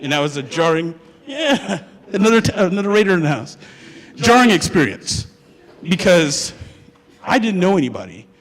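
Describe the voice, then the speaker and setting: A man's voice: high voice, big pitch swings, normal speed. A young man from Hawaii, a student, telling his story to an audience in a chatty, joking way and asking them questions. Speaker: student speaker. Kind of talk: humorous personal storytelling talk. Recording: long hall reverb.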